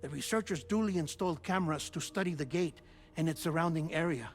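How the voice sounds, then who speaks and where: Using his natural, slightly high voice, an actor plays an affable, eccentric male researcher in a video game cutscene, with a little background noise. His explanatory monologue is conversational and theatrical, sprinkled with chuckles and dramatic pauses, and carries an intrigued, expository mood.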